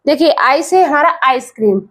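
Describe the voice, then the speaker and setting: A woman's voice: sits high, expressive, normal speed, fairly bright tone. A woman who teaches English pronunciation, speaking patiently, repeating words and spelling them out letter by letter. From India.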